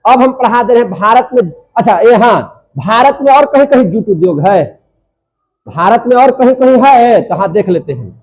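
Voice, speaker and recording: Young male teacher, high voice, drills facts by question and repeated answer. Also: lively intonation, moderate pace, darkish tone. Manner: call-and-response drilling, repeating each answer. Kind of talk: classroom lecture.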